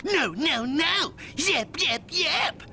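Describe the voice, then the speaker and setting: An actor playing a whiny, grumbling male pterodactyl henchman in an animated film clip, yelping his complaints over and over. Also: very high-pitched, drawn-out words, vocal fry, slight background noise, full character voice. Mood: exasperated. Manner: exasperated, yelping repetitions. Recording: film clip with music behind.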